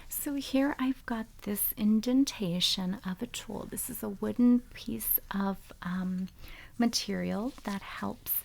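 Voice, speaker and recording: Casting: woman for ASMR role-play of a gentle, methodical foot doctor; breathy soft voice with creaky edges. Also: medium pitch, slow pace, low-quality recording. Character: calm, gentle foot doctor examining a patient.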